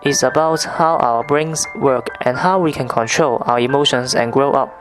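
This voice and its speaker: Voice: medium pitch, normal speed, rough recording. Scripted film review narrator over music. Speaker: video essay narrator.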